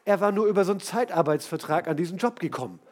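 A man's voice: high voice, expressive, racing. A male preacher giving a casual, enthusiastic sermon full of storytelling, talking straight to his listeners.

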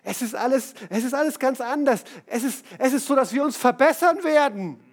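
A man voicing an overexcited husband who gushes loudly about his good news. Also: very high voice, fairly quick, pitched above the performer's own voice, exaggerated voice. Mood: excited. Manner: gushing, loud, excited.

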